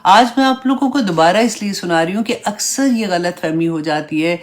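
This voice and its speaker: Low-voiced woman teaching a casual religious class. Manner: conversational, mixes English words into Urdu; checks in with listeners, "right?", "hai na?". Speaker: Islamic teacher. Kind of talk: online religious class lecture.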